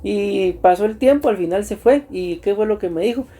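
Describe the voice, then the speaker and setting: Male pastor, mellow tone, earnest church teaching, frequent throat-clearing. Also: sits high. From Costa Rica. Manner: earnest and unhurried, repeats himself, often clears his throat. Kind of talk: church teaching to new deacons.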